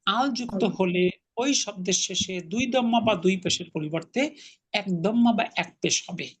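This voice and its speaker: A man's voice: high-pitched, unhurried, slightly rough. A man teaching an Arabic class online, patiently explaining grammar and correcting his students' pronunciation.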